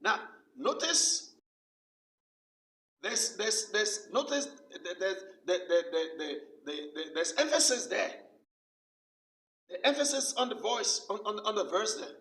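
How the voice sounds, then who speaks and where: A man's voice: sits high, lively intonation, slow pace, fairly bright tone. A male pastor preaching a sermon with emphasis, repeating his key phrases over and over. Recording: roomy sound from a distant mic.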